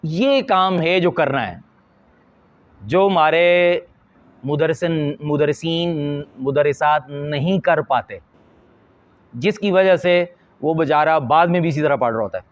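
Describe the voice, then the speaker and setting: A man, a Quran teacher from Pakistan, explains pronunciation mistakes to teachers in an earnest, deliberate instructional talk. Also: fairly high pitch. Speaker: Quran teacher and madrasa supervisor. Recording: slightly dull lo-fi audio.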